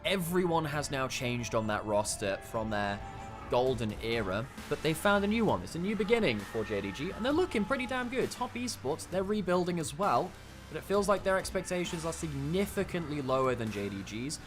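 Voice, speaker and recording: A man casting a live esports broadcast in an excitable, joking way, speaking with a non-American English accent. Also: on the high side, a little fast, music in the background. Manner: animated, excitable, laughs at his own jokes. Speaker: esports caster.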